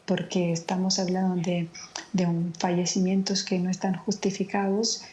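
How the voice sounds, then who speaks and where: A woman from Naples with Italian as her first language, speaking slowly and in a measured way over a remote link, tired late at night. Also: fairly low pitch, level tone, warm tone. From Naples, Italy. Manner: slow, measured, subdued. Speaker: correspondent. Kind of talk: remote news interview. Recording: lo-fi remote call line.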